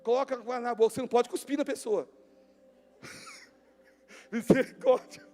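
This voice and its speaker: A man preaching a sermon as pastor, emphatic, swinging between near-shouts and hushed tones. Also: extremely high pitch, steady tone, racing. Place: church hall. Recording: long church-hall reverb with music behind.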